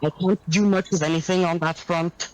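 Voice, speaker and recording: A man talking as a player in an online tabletop game, his voice muffled as if heard through a wall, slow and halting. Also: high-pitched, steady tone, darkish tone. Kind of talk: casual online game chat. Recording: muffled, breaking-up online call audio.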